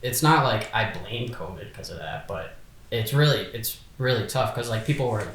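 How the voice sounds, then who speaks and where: A man's voice: medium pitch, lively intonation, normal speed, a bit bright, roomy sound, a little hiss or hum. A man in his twenties, a podcast guest talking casually and hesitantly, full of fillers and restarts. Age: 20s. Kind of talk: casual chat.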